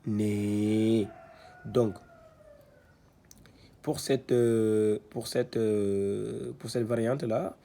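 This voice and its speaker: Man, reading teacher, slow step-by-step lesson, hesitant with many restarts, low gravelly voice. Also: fairly even intonation, warm tone. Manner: hesitant, many restarts and fillers, repeats syllables slowly.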